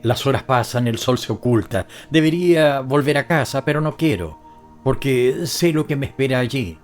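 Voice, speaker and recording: Male narrator, first-person audiobook, somber, measured, middle pitch, soft music underneath. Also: animated.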